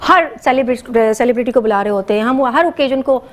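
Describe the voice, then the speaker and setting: A middle-aged woman with a Pakistani accent, an educationist speaking as a guest on a morning show, earnest and animated, mixing English words into her talk. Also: on the high side.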